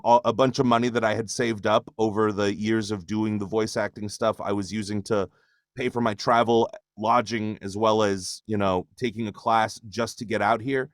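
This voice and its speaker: Relaxed rambling man from Hawaii. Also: lowish voice, no room sound. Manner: relaxed and rambling, with frequent fillers and restarts. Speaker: voice actor guest. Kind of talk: casual webinar talk.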